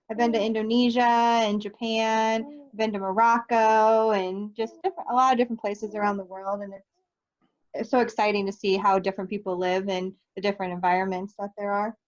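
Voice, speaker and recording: Her voice a little high and steady, this young Nebraska teacher speaks briskly as an interview guest, relaxed and upbeat with light laughter. She teaches third grade, and the recording sounds lo-fi.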